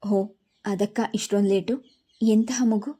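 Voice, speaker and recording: A woman's voice: mid-range voice, steady tone, unhurried, warm tone, close to an everyday voice. A woman reading the lines of a teasing young man who talks dramatically and exaggerates.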